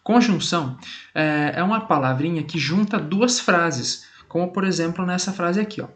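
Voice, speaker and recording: A man's voice: fairly high pitch, moderate pace, a bit bright. A male Portuguese teacher with a Brazilian accent explains grammar rules to the camera. He reads out example sentences with added stress and keeps checking in with "tá bom?".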